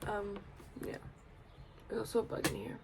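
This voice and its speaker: A young woman chatting casually while getting ready, sleepy and rambling, sometimes dropping to a soft murmur. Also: medium pitch, big pitch swings, moderate pace, vocal fry, noisy background. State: sleepy, yawning. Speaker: beauty vlogger. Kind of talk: casual get-ready-with-me chat.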